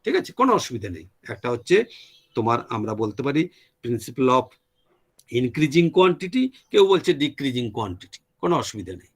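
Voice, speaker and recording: In a classroom lecture, a man with a medium-pitched, sing-song voice dictates terms slowly, word by word, as though for note-taking. He teaches in Bengali but slips into English for technical phrases, and pauses occasionally to ask "clear?".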